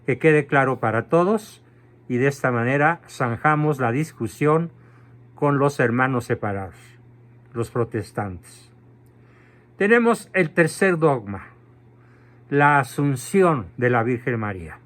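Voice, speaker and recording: Slow, emphatic male catechism lecturer. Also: medium pitch, expressive, fairly bright tone. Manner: emphatic, slow and deliberate, spells out terms. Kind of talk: doctrinal lecture.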